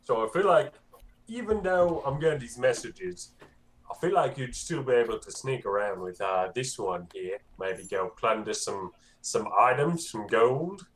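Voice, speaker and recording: A man's voice: mid-range voice, animated, unhurried, a bit bright, slight background noise, low-quality recording. A man chatting casually as a player in a tabletop game, playful and prone to repeating himself.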